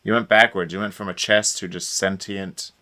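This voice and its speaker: A man's voice: low-pitched, fairly even intonation, normal speed, pushed and bright. A man co-hosting a gaming podcast in casual chat, making dry, wry remarks. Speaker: podcast co-host.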